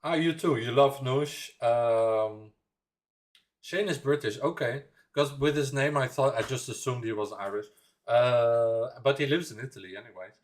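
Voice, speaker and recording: A young Dutch livestream reaction host rambles casually, drifting between thoughts, laughing often and reading chat aloud as if to familiar viewers. His voice is at an ordinary middle pitch, his pace measured, with faint music in the background.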